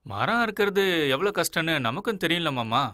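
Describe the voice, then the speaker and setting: An earnest young villager. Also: male voice, a little high, big pitch swings, moderate pace, dry recording, studio quality. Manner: earnest, good-natured, gently joking. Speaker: film character, young village man. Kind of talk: Tamil-dubbed film dialogue. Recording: dialogue under loud film score.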